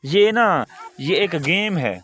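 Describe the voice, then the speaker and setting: Man, teacher, patient, fairly high voice, quizzes young children. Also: animated, takes it slowly, a bit bright, a little hiss or hum. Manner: patient, repeats key words and asks quiz questions. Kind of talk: recorded lesson for young children.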